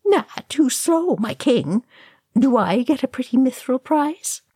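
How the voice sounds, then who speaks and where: Woman doing cheeky male dwarf, sniggering, high, dry close sound. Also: very animated, moderate pace, slightly rough, dry recording, full character voice. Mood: teasing. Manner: sniggering, teasing.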